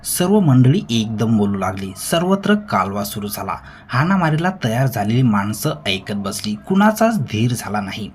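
A man reading a story aloud in a measured, grave narrating manner. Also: on the low side, big pitch swings, slight background noise.

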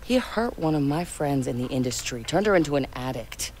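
A woman's voice: deep voice, lively intonation, a little fast, a little mellow, slight background noise. An actress playing a cool, blunt young female hacker in a video game, speaking in a sardonic way.

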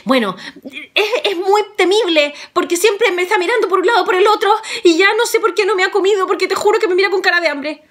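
A woman voicing a weeping young princess who talks in a high, fretful rush. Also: fast, fairly bright tone.

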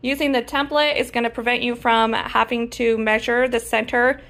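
A woman's voice: on the high side, flat delivery, moderate pace, a bit bright. Chatty woman teaching in a workshop. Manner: upbeat, chatty, laughs at own slips. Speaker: woodworking instructor. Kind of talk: casual step-by-step tutorial. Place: indoor woodworking shop. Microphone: phone camera at arm's length.

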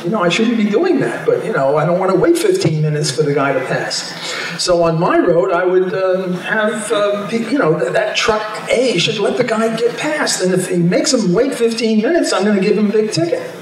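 This older economist has a high, expressive voice and talks at a moderate pace. Holding a mic on a large hotel ballroom stage, he gives a casual, chatty convention talk with self-amused, wry asides, captured from a distance by the camera in an echoey room.

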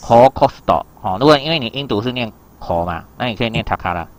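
A man's voice: mid-range voice, animated, fast, fairly bright tone. A man teaching an exam reading lesson, explaining in a loose chatty way and keeping asking his students whether they follow. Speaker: Japanese teacher.

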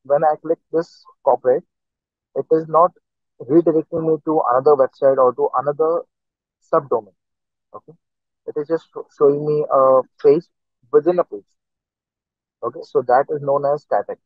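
A man's voice: on the high side, fairly even intonation, moderate pace, pauses often, dry recording. A male instructor giving an online lecture, heard through a screen recording of the class, walking through each step and saying "okay" again and again. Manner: explains step by step, says "okay" constantly. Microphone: computer mic on a video call. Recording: tinny dry online call audio.

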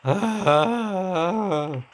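A goofy young man giving let's-play commentary in a voice on the higher side. He drawls his words out slowly, and clicks sit faintly behind him. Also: noisy background. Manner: silly, goofy, talks about himself in the third person. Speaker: gameplay commentator.

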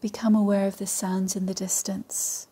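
A woman with a soft, breathy voice leading a guided meditation in a calm, measured way with long pauses. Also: medium pitch. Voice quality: soft, breathy, partly whispery. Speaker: yoga nidra meditation guide. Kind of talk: guided meditation, slow and soothing instruction.

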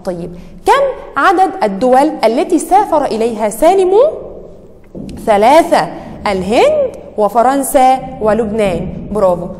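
A woman with an Egyptian Arabic accent teaching young children an Arabic lesson, quizzing them and praising each answer with a quick "bravo". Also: fairly high pitch, big pitch swings, a little mellow, big-room sound. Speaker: primary school teacher.

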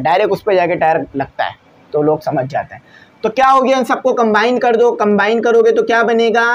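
A man teaches a physics class on video. He explains with everyday examples and keeps checking that students follow. He slows right down when he reads English textbook lines. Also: high-pitched.

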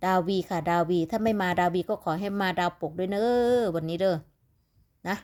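Her voice is lowish and darkish, with fairly even intonation at a moderate pace. This sleepy-sounding Isan woman from northeastern Thailand casually rambles through lottery number tips, calling viewers "little siblings."

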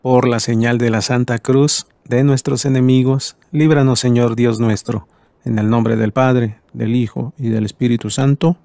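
A man's voice: medium pitch, vocal fry, dry recording. Man leading rosary prayers, dry sound. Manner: steady, measured prayer recitation. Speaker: prayer leader.

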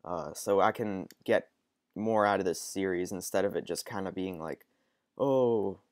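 Stuffy and sniffly with a cold, a young gaming channel host offers casual let's-play commentary, hesitating with lots of ums. His low voice is unhurried, recorded clean in a studio without echo.

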